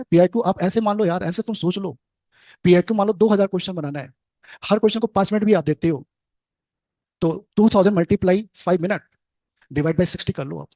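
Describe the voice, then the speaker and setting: An earnest Indian coaching teacher gives his students a rapid motivational talk. His voice sits a little high and he stacks his advice in short, punchy phrases. The recording is dry and close, with no room sound. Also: a little mellow, no echo.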